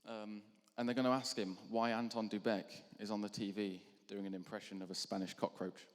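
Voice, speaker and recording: A young man with a fairly low, level voice talks a little fast as he does a stand-up bit between acts at a charity show. His routine is rambling and self-deprecating, packed with ums. He's on stage in a large hall, and the recording carries the hall's reverb.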